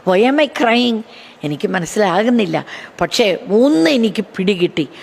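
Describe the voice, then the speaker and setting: A woman preacher giving a fervent testimony sermon, repeating phrases for emphasis and breaking into praise refrains. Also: mid-range voice. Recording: long hall reverb.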